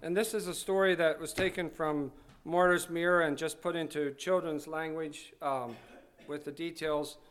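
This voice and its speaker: A man reading a story aloud to a congregation in a measured, earnest way. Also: fairly high pitch, fairly even intonation, a bit bright, smooth.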